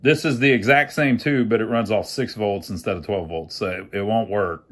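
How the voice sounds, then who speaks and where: The host of an amateur electronics repair channel narrates his hands-on work in a casual, folksy way, thinking aloud as he goes. His voice sits on the low side, moves at a moderate pace and sounds a bit bright.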